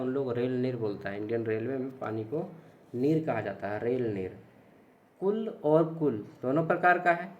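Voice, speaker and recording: A young man teaching an exam-prep lesson, chatty, asking questions and answering them himself. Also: mid-range voice. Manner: chatty, repeats and checks with students; explains with examples, asks and answers own questions.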